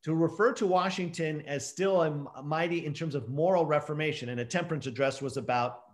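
Man, standard American accent, high voice, scholarly and emphatic, rhetorical questions, interview guest. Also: a little fast. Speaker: professor and author, interview guest. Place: indoor room, video call.

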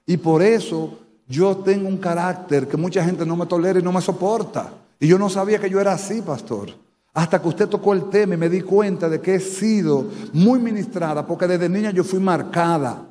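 A man's voice: high voice, moderate pace, mellow. A Dominican man with a Dominican Spanish accent, preaching a sermon as pastor to a live congregation, asking them questions. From Dominican Republic. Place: church sanctuary. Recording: church hall reverb.

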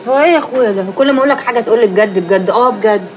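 A woman voices a shy, poor young Egyptian woman at a brisk, plain pace. A film score runs behind her. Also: fairly high pitch, soft background music, natural voice. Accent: Egyptian Arabic.

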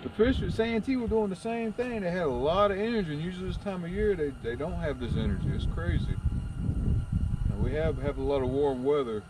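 A sleepy, drawling fishing vlogger with a voice on the high side speaks fairly quickly with lively intonation while night fishing at a lakeside camp. His running talk to the camera is folksy, and he teases the fish as he catches them. Lake and outdoor ambience fill the noisy recording.

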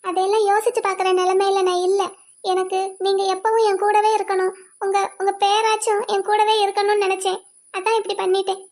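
A woman's voice: very high-pitched, level tone, brisk, a little mellow. A woman voicing a sweet, clingy young wife in a cartoon, pleading and childlike. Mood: tearful coaxing. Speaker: cartoon voice actor. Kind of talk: cartoon voice acting.

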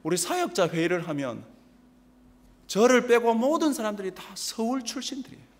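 A man from Busan with a Gyeongsang accent, preaching a sermon as pastor, telling humorous stories with animated mimicry. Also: very high-pitched, moderate pace. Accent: Gyeongsang Korean. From Busan, South Korea. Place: large church sanctuary. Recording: long church reverb.

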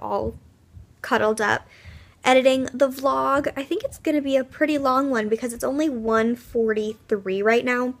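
A woman's voice: on the high side, creaky. A young woman vlogging at home, chatty and upbeat, rambling with fillers. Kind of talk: casual vlog chat. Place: at home, indoors.

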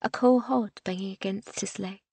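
A woman reading a historical novel aloud as an audiobook narrator, in a measured storytelling manner that softens to a hush in quiet passages. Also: mid-range voice, vocal fry, husky, no room sound.

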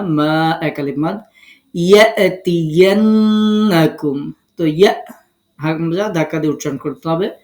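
A Quran recitation teacher from Bangladesh giving a step-by-step lesson, breaking words into syllables and spelling out each rule deliberately. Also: medium pitch, mellow, roomy sound.

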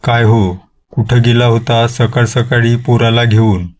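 A worried village mother fusses over her son and fires off one anxious question after another, as a man telling the story voices her. The questions come slow and flat, in the even tone of the storyteller. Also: mid-range voice, close to an everyday voice.

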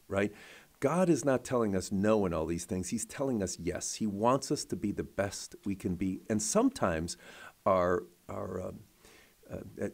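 A man's voice: fairly low pitch, darkish tone. A man hosting a live radio show, explaining ideas with everyday examples and checking in with "right?" as he goes. He speaks from a radio studio. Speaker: radio host.

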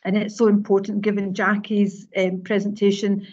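A woman's voice: mid-range voice, little pitch movement, moderate pace, a little mellow. A woman speaks earnestly on a video call, repeating words as she gathers her thoughts. Her voice comes through a headset with slightly muffled, lo-fi sound. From Scotland. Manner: earnest, laughs easily, repeats words when thinking. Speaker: teacher educator. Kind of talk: webinar panel discussion. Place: home room on a video call.

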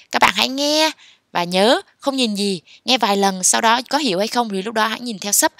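A woman teaching English, encouraging and slowly repeating English phrases. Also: fairly high pitch, fairly bright tone, no echo, clean studio sound. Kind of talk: explaining lesson in a voice-over.

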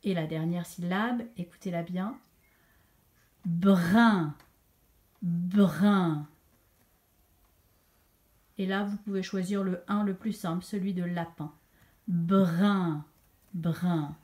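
A woman teacher giving a slow dictation lesson to young children, repeating each syllable clearly with emphasis. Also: lowish voice, fairly even intonation, darkish tone. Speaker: primary school teacher.

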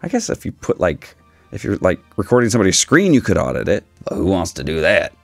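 A man in his forties with a raspy voice, giving a casual, opinionated explainer with dry humour. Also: low voice, wildly swooping pitch, fast talker, no room sound, faint music behind. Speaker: video host, statistics teacher. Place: small dim indoor room, seated.

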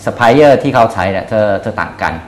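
A man in his thirties answering interview questions as a company guest, hesitant, often pausing and repeating words. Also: mid-range voice, lively intonation, reverberant, slight background noise. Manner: hesitant, frequent filler pauses and repeated words. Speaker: company executive being interviewed. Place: small indoor showroom office. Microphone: lapel mic.

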